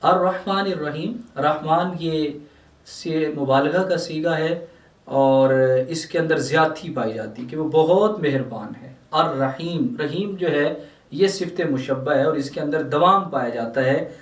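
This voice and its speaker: A man's voice: fairly high pitch, reverberant, far from the mic. A man with a Pakistani Urdu accent gives a religious lesson, reciting verses and explaining them word by word. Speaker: Islamic scholar teaching Quran translation.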